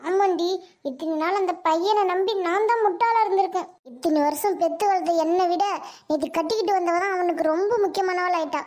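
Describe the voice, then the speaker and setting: A woman's voice: very high-pitched, a little fast, darkish tone. A woman voicing an angry, bitter aging mother in a cartoon, scolding and accusing. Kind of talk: Tamil cartoon voice acting.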